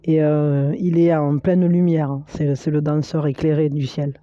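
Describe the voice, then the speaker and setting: A woman gives a spiritual tarot card reading, addressing the viewer directly in an encouraging but halting manner, with many fillers and restarts. Her voice is low-pitched and flat with a dark tone. The lo-fi recording has no echo.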